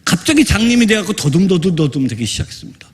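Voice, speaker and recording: A man from Korea, a missionary pastor, preaching an evangelical sermon with testimony, fervent and emphatic and rising to shouts, in a church sanctuary. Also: high voice, big pitch swings, fast. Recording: long church-hall reverb.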